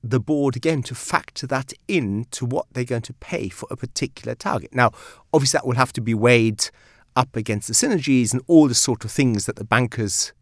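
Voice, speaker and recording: A Belgian-born lawyer whose first language is Dutch answers articulately as a guest in a studio interview, explaining things in a measured, emphatic manner. His pitch is medium and there's no room sound.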